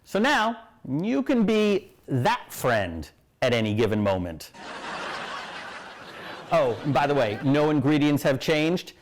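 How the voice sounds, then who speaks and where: A man's voice: a little high, big pitch swings, slow pace, slight background noise. A man delivering a late-night comedy monologue as host, with punchline timing. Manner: punchline delivery, jumps into silly voices.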